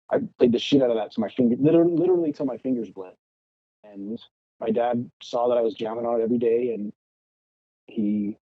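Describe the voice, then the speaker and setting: A punk rock guitarist appearing as a podcast guest tells stories casually, swearing freely and animatedly acting out what people said in past arguments. His voice is fairly low with a breathy edge, and the recording has no room sound, with the highs cut off.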